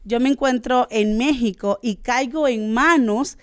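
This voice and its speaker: A Honduran woman in her thirties with a Honduran Spanish accent, telling her faith testimony as a guest in an earnest way, often pausing with "este". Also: on the high side, clean tone, dry recording, clean studio sound. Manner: earnest, searching for words with many "este" fillers. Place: studio.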